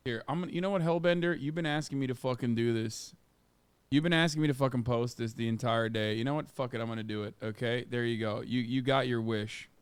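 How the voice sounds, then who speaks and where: A man's voice: medium pitch, fast talker, clean tone, no echo. A man streaming live, chatting loosely with his viewers and swearing freely. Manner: loose and profane, bursts into a mock Kiwi accent. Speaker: streamer reacting to a video. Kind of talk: casual livestream chat.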